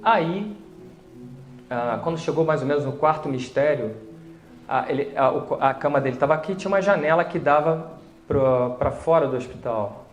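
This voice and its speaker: A man with a Brazilian Portuguese accent telling a personal faith story in a lively conversational way, acting out the dialogue as he goes. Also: medium pitch. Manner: conversational, animated retelling with quoted dialogue. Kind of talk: storytelling testimony. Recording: roomy echo.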